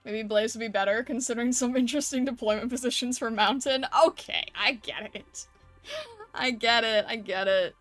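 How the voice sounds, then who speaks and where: Female art streamer, higher register, informal and conversational, speaking over background music. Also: fairly even intonation, normal speed, a bit bright. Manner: conversational, often ends with tag questions. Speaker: streamer hosting an art livestream. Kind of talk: casual livestream chat.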